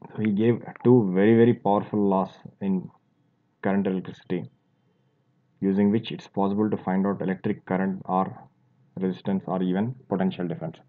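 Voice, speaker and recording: A man's voice: low voice, level tone, fairly quick. A man teaching a physics lesson, explaining step by step as he draws, with fillers and restarts. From India. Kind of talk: classroom lecture while drawing. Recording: tinny phone-like audio.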